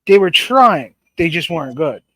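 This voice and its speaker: A man's voice: on the high side, very animated, moderate pace, pushed and bright, dry recording. A man co-hosting a wrestling podcast in casual chat, rattling off lists of names with lots of "uh" and "um". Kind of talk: casual chat on a live stream.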